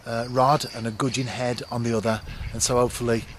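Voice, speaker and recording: A man's voice: medium pitch, fast. Middle-aged man vlogging from a canal bank. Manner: relaxed, explanatory, with frequent ums and restarts. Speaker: angler vlogger. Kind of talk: casual fishing vlog to camera. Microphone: camcorder at arm's length. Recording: outdoor camcorder with clear background noise.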